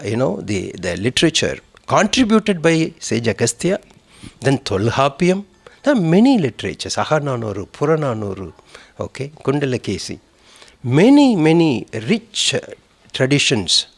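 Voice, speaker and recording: Male speaker, lively rising-falling delivery, fairly high voice, halting with fillers. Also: vocal fry, slightly rough. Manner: animated, many fillers and restarts. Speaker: conference speaker. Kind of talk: lecture on Tamil literature.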